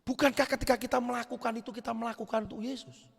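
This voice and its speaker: Male pastor preaching to youth, animated, high and gravelly, echoing through a big hall. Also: fast. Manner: lively preaching, swings from shouts to quiet asides. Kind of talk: youth sermon. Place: church hall. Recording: echoey church hall.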